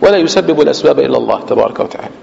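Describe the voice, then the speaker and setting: A man's voice: mid-range voice, animated, rapid-fire, gravelly, darkish tone. A man with a Levantine Arabic accent, a sheikh giving a Quran commentary lesson, explaining word by word and quizzing his listeners with rhetorical questions. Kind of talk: mosque lesson explaining scripture. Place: mosque hall. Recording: long hall reverb, dull lo-fi sound.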